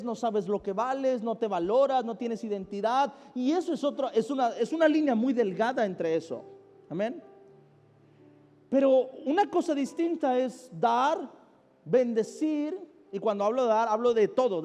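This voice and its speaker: A high-pitched Mexican man preaches to his congregation, his mellow voice carrying a long reverb through a large church hall. He swings between loud emphasis and quiet drops, asking for amens, with faint music playing behind him. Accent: Mexican Spanish. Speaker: pastor. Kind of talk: sermon.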